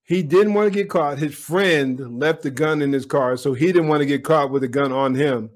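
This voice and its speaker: A man's voice: on the high side, moderate pace. A man giving opinionated commentary on a police video, speaking bluntly and directly to his viewers.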